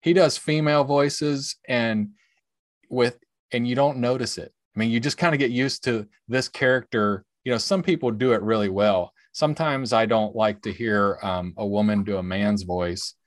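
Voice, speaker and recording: A man co-hosting a podcast in casual chat, easygoing and quick to laugh. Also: medium pitch, dry recording, clean studio sound. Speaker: podcast co-host.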